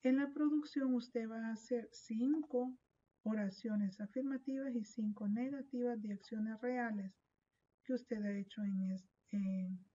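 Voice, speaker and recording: A woman with a fairly high, mellow voice walks through a worksheet like a teacher. She explains each task slowly and methodically, reading the example sentences aloud. The recording sounds dull and lo-fi. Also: fairly even intonation. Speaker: English teacher. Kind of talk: recorded lesson walkthrough.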